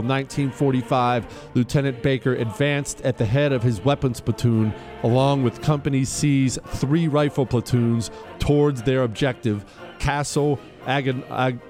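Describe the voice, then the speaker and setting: A man's voice: medium pitch, a little mellow. Male talk radio host, middle-aged, casual and wry, mid-range voice, monologue and read-aloud segments. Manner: casual, wry asides, breaking off from reading to comment.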